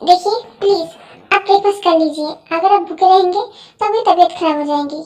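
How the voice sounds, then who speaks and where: Timid young wife, soft, hesitant, pleading, played by a woman, high-pitched. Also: fairly even intonation, moderate pace. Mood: meek pleading.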